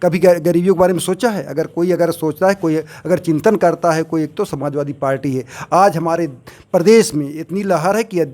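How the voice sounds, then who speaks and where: A man's voice: on the high side, moderate pace, darkish tone. A man, an advocate, giving an impassioned street interview answer full of rhetorical questions. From Uttar Pradesh.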